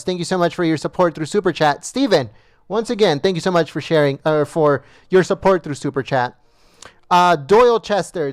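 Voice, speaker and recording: A livestream host with a high, smooth voice reads viewer names one after another, thanking each in the same repetitive way and stumbling slightly on some names. He is losing his voice, and it's wearing thin. The recording is dry and close to the mic.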